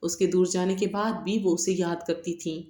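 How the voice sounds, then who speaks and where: A woman narrating a romance novel as an audiobook, with steady, dramatic storytelling. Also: fairly low pitch. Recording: echoey room.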